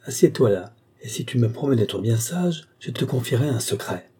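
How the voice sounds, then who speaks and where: A man voicing a gentle, teasing young village woman, lifting his voice slightly for her lines. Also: mid-range voice, lively intonation, moderate pace, slightly rough.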